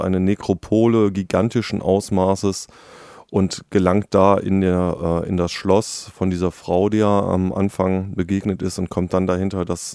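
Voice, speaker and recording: A man with a deep, low voice talks through a novel's plot in relaxed conversation. He hesitates often and pads his sentences with fillers. The sound is dry and close. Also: gravelly, no room sound. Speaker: book reviewer. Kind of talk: casual book discussion.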